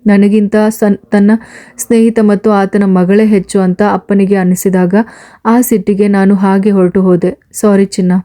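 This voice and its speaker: A remorseful young husband with a quick temper pleads earnestly, as a woman reads him aloud. The voice stays level and even, with a soft, mellow tone. It is an audiobook serial. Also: medium pitch, close to an everyday voice. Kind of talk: audiobook character reading.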